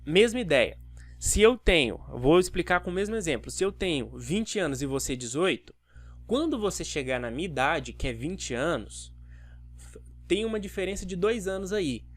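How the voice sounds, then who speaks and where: A man teaches a video math lesson in a voice pitched a little high. He walks through each step and asks the viewer rhetorical questions as he goes. The sound is dry and close, with almost no room reflection. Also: very animated, normal speed, no echo.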